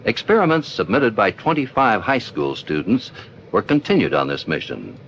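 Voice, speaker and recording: A man reading scripted 1970s documentary narration in a measured, formal manner. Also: lowish voice, big pitch swings, fairly bright tone. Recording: dull old film soundtrack, faint noise.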